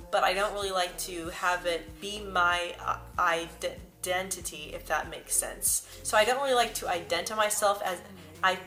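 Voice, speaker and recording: A young vlogger speaks casually to the camera in an earnest, personal way, frequently stuttering on sounds and entire words. Her bright voice sits slightly low, with soft music playing faintly in the background.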